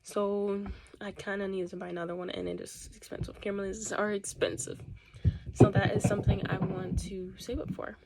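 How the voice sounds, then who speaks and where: A young woman chats casually to a camera set up across the room, speaking quickly. Her words sometimes tumble and catch as she rushes ahead, and her pitch sits in the middle of the range. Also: level tone, gravelly, very noisy. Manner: talks fast, occasionally stumbles over words. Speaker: YouTuber. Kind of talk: casual vlog talk to camera.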